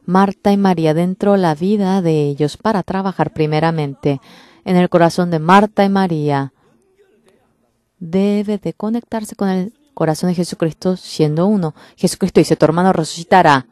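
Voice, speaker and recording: A woman's voice: lowish voice, moderate pace, a little mellow, dry recording. A woman delivering a church sermon in a fervent, emphatic preaching manner. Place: church service.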